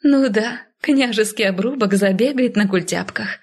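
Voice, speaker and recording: A woman's voice: mid-range voice, fairly even intonation, moderate pace, a little mellow, slightly rough. A woman voicing a humiliated young captive princess who hisses and snaps her lines through clenched teeth. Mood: bitter defiant.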